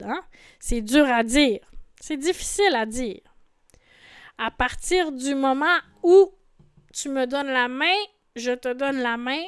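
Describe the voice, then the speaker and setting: Slow, patient woman teaching. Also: high voice, clear, resonant tone, no echo, clean studio sound. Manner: patient, repeats words, frequent "hein". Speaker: French teacher. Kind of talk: slow explanatory lesson.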